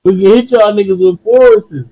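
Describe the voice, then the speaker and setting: A man from Detroit with a Detroit accent, talking in animated slangy chat on a podcast. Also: a little high, measured pace. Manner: animated, slangy, repeats himself. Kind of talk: casual chat. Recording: dull lo-fi sound.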